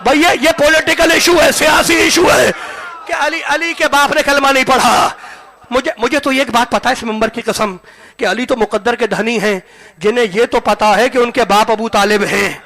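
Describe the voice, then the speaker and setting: A man delivers a fiery sermon in a strikingly high, bright voice with a gravelly edge. He hammers his points with repetition, shouting out lines and then dropping to near-whispers. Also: steady tone. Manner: shouting, repetitive oratory, swinging between loud and hushed. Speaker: religious orator. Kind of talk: impassioned sermon. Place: mosque hall, live gathering.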